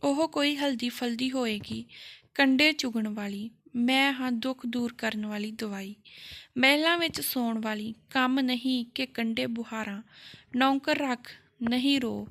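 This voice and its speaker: A woman voicing an arrogant, quick-tempered young woman who scolds the animals and things that ask her for help. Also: high-pitched, fairly even intonation, dark tone. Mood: scornful. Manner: scornful, snapping. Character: haughty, furious young woman Sund, boastful.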